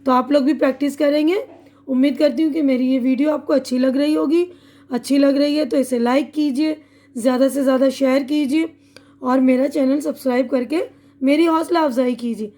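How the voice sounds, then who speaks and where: A woman with an Urdu accent giving an online English lesson, reading words slowly and patiently, each with its translation. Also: sits high, fairly even intonation, dark tone. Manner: slow, patient word-by-word drilling with translations. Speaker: English teacher.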